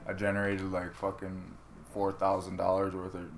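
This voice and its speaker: Brief: lower-voiced man, swears freely, vivid storyteller with quoted lines, casual podcast chat. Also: moderate pace, slight background noise. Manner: profane, animated, acts out quotes. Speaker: amateur fighter. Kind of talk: casual storytelling among friends.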